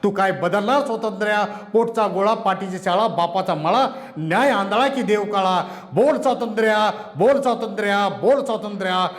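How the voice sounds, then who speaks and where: A man's voice: high-pitched, normal speed, reverberant. A man reciting a dramatic poem with fierce passion, repeating lines for emphasis. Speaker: poet.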